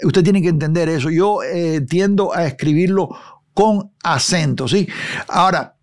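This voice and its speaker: High-voiced man teaching a Bible study. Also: a little slow. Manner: hesitant, with frequent filler sounds and restarts; addresses the viewer directly and warmly as a preacher.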